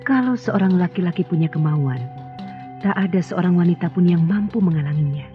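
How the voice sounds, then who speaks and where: A woman's voice: fairly low pitch, brisk. An actress voicing a stern, commanding queen in an old radio drama, with an authoritative, questioning manner. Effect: old radio show sound. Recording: thin, phone-like old radio play with music.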